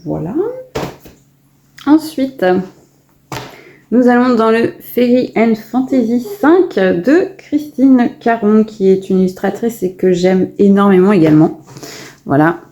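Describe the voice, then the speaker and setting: A woman's voice: medium pitch, lively intonation, takes it slowly, long pauses, mellow. A woman casually showing her finished coloring pages in a vlog, chatty and full of hesitations and restarts. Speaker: coloring vlogger. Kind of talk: casual show-and-tell vlog.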